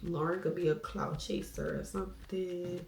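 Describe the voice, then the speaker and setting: A woman's voice: on the low side, fairly even intonation, normal speed, vocal fry, darkish tone, distant mic. A young woman vlogger giving a casual, blunt and opinionated recap in which she swears freely. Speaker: vlogger recapping a reality show. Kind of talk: casual commentary. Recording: echoey room with faint music behind.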